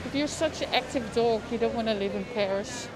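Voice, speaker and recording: Her voice a little high and fairly quick, a woman with a Dutch accent leads a live outdoor walking tour through the city. She keeps up a casual, chatty stream of talk, reacting out loud to her surroundings and greeting viewers by name, recorded on a lapel mic over background street noise.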